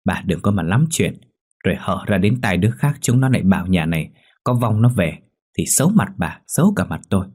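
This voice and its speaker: A man voicing a quick-tempered older village man who scolds and shouts. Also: low-pitched, slightly rough. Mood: angry scolding.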